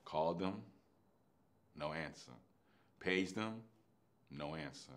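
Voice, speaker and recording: A middle-aged man, an actor telling his own story in a lively way. He acts out the dialogue in street slang and swings between hushed and loud delivery. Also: rumbling low, slow. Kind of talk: animated anecdotal storytelling.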